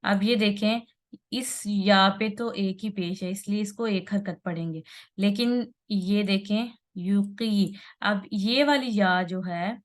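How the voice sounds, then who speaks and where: A woman teaching Quran recitation rules. She explains patiently, draws out vowel sounds to show their length and checks in often with her listeners. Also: mid-range voice. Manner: patient, repeats and stretches sounds, checks in with "theek hai". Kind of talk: slow tajweed lesson at a whiteboard.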